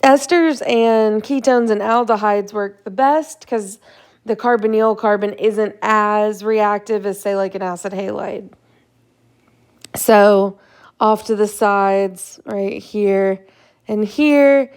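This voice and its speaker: A young woman who teaches chemistry talks slowly through a casual slide lecture, sounding tired, yawning now and then, and dropping fillers and "right?" checks. Her mid-range voice is clean and a bit dark, with fairly even intonation.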